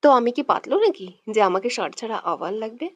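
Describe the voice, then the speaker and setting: A woman's voice: a little high, animated, a little fast, no room sound, muffled recording. A woman voicing a domineering, hot-tempered young man who bosses and threatens in curt lines, in a read-aloud audio story. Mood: sulky.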